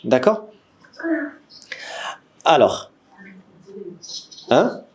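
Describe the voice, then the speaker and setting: Over a video call picked up by a computer mic, a startup trainer with a Moroccan French accent teaches an online workshop to founders. He speaks extremely slowly in a mid-range voice, stays lively and questioning, often asks the group to agree, restarts frequently, and mentions that he is a gamer.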